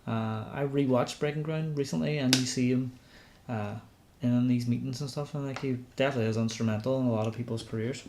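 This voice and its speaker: A man's voice: mid-range voice, fairly even intonation, fast, noisy background. A man co-hosting a podcast, easygoing and rambling. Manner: easygoing, laughs along, rambling. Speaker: podcast co-host. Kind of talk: casual wrestling podcast chat.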